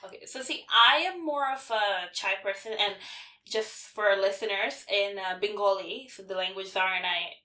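A woman's voice: medium pitch, moderate pace, bright, forceful tone, echoey room. A woman in her twenties from Bangladesh, co-hosting a casual podcast and chatting freely, often restarting her sentences. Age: 20s. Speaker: podcast co-host.

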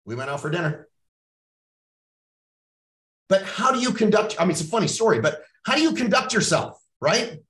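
A blunt, foul-mouthed middle-aged man from Canada gives a motivational talk with a coaching edge. His voice sits a little higher than most men's. It comes from some distance off the mic, and the room rings around him. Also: big pitch swings, normal speed, long pauses, fairly bright tone. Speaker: podcast host. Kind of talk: motivational monologue. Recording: roomy sound, mic at a distance.

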